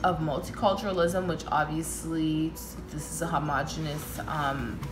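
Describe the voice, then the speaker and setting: A woman's voice: deep voice, steady tone, moderate pace, roomy sound, music in the background, poor audio. A young woman from Canada with a Toronto accent, answering viewer questions in a casual, chatty vlog and laughing often. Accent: Toronto Canadian English. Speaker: vlogger.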